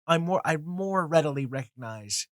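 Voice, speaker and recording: A comics video host in his twenties, nasal from a cold, rambles casually through his opinions with lots of fillers, restarts and casual swearing. His voice is a little high, expressive and fairly bright, at normal speed. The recording is dry, with clean studio sound.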